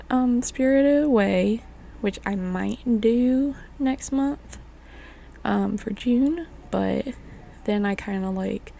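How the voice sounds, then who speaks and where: A young woman vlogger with a hoarse, raspy voice from a chest illness, chatting casually and rambling through a voice-over. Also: mid-range voice, warm tone. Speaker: craft vlogger. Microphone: voice-over mic.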